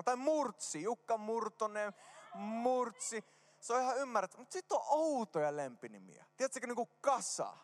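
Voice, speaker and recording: A man preaching a casual, joking sermon in a church, mixing slang with prayer. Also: very high voice. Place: church hall. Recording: reverberant hall.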